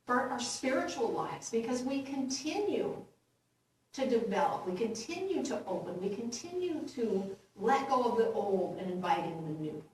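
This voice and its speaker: A woman minister giving a gentle, unhurried sermon, laughing lightly at her own jokes. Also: a little high, slight background noise. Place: church sanctuary. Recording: roomy echo from far off.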